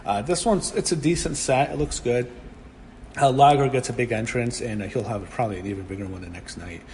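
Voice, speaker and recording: Man, casual wrestling reviewer, rambling, excitable, curses freely, echoey reverb, faint noise. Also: mid-range voice, brisk. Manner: rambling and excitable, swears when annoyed. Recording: long room reverb with faint background noise.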